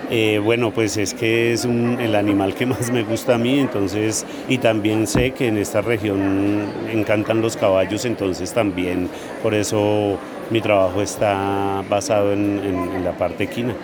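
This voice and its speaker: Colombian sculptor guy, lowish voice, kinda halting, fair crowd all around. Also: fairly even intonation. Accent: Colombian Spanish. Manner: hesitant, many fillers. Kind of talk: interview answers. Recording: outdoor fair crowd behind.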